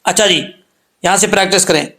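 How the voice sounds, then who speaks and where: A man teaching the rules of Quran recitation, patiently explaining letter sounds and repeating points, with slow drawn-out demonstrations of each sound. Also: sits high, pushed and bright.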